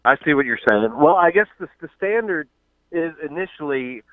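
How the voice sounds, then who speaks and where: A man's voice: fairly high pitch, lively intonation, normal speed, no room sound. Man on a tinny phone line, hesitant. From southern US. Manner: hesitant, many uhs, trails off when pressed. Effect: calling in over a phone line. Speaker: radio show caller.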